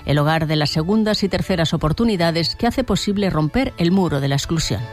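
Male reporter, scripted news narration, a little high, quiet music bed. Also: expressive, fairly quick.

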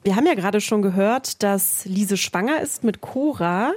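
Interviewer: woman, mid-pitched, calm and friendly questioning. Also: moderate pace.

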